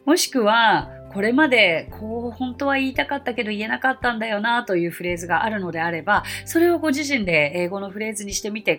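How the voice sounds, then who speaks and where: A woman's voice: medium pitch, bright, forceful tone. A woman hosting an English-lesson podcast, reading listener messages in a polite, cheerful way and mixing in spoken English phrases. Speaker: English teacher and podcast host.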